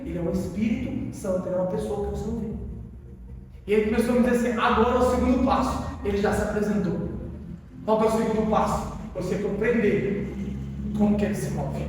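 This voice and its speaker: A man's voice: high-pitched, steady tone, fast, long pauses, background noise. A man preaching a sermon, telling a personal conversion story in an emotional, conversational way with casual slang and a Brazilian accent. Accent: Brazilian Portuguese. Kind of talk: sermon testimony. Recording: echoey hall from far off.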